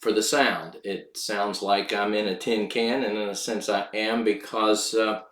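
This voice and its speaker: A man hosting a podcast, giving measured spoken commentary on law and religion; his voice sounds tinny and hollow, as if he is talking inside a tin can. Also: fairly low pitch, fairly even intonation, a bit bright, reverberant. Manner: measured, lecturing delivery with occasional filler words. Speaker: podcast host. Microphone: makeshift sound system instead of his usual microphone.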